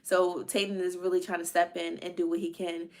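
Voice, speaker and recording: A woman in her thirties talks casually to her live-stream viewers. She is chatty and animated, often breaking into the voices of her family as she tells the story. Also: on the low side, a little fast. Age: 30s. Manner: chatty, animated, acts out family members' lines. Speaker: vlogger.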